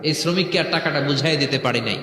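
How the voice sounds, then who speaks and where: In a reverberant, echoey hall, a preacher tells a story with drama, voicing the characters, repeating lines and calling on his audience to answer back. He speaks fast, in a sharp, fairly high-pitched voice.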